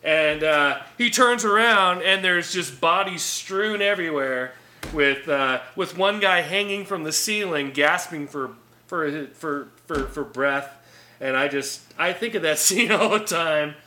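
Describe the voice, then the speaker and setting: A man chatting casually as a podcast co-host. His voice sits a little high and rings bright and sharp. He rambles through his stories with frequent fillers and restarts and laughs often. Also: unhurried, slight background noise. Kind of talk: casual chat.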